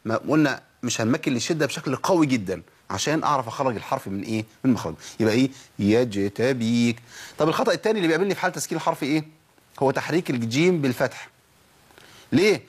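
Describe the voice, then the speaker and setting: A husky-voiced man with an Egyptian accent teaches Quran recitation at a quick clip. He fires questions at his listeners, answers them himself, and repeats letters and words to show how they should sound. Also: on the high side. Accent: Egyptian Arabic. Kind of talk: tajweed lesson with spoken demonstrations.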